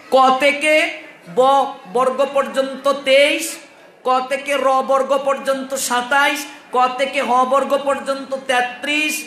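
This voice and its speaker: High-voiced man giving a slow religious talk. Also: sharp tone, slight background noise. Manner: patient and explanatory, spells things out step by step and asks listeners questions. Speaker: religious speaker on the Gita. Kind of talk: devotional teaching discourse. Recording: roomy echo.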